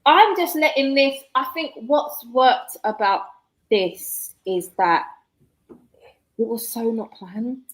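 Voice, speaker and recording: In a casual live chat, a guest author in her 40s speaks reflectively and laughs often. She has a fairly high pitch and a slow pace, captured on a low-quality recording.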